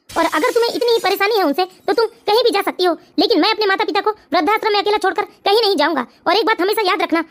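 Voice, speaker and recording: Someone voicing a very high-pitched dutiful family man. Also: fairly bright tone. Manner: earnest, scolding when angry. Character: devoted son and father, upright family man. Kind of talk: animated family story acting.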